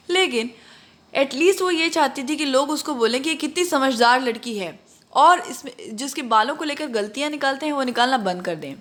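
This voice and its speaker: A woman with a somewhat high voice teaches a story line by line. She reads the English text in a slow, careful way, then switches to relaxed, chatty explanation for her class. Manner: reads English passages slowly, then paraphrases them conversationally.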